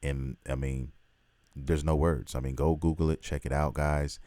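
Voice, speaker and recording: Very deep-voiced man, excited rambling. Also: normal speed, no echo. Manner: excited, rambling, swears freely. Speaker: host. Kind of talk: casual vlog commentary.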